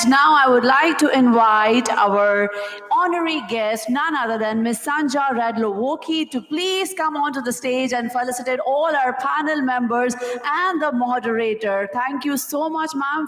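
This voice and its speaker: A woman's voice: sits high, moderate pace, fairly bright tone. A woman hosting a formal award ceremony on stage, polite and effusive, thanking guests and inviting them up one by one. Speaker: event host. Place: large event hall. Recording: hall reverb with music behind.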